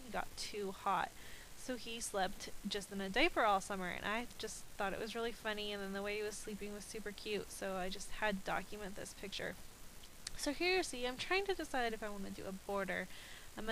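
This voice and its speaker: A scrapbooking video creator narrates a voice-over about her crafting, her medium-pitched, fairly bright voice slightly stuffy and nasal from a cold. She chats casually with frequent ums. The audio is poor, with slight background noise.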